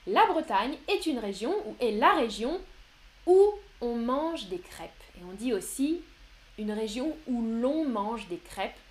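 A woman's voice: on the high side, animated, slow, darkish tone. A woman teaching grammar in a live online lesson, patient and encouraging as she answers viewers one by one. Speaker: French teacher.

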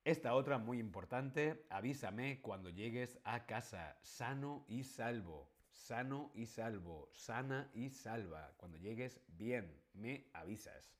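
A man, teaching a live online language lesson and slowly repeating phrases for learners. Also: medium pitch, expressive. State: sore throat, coughing.

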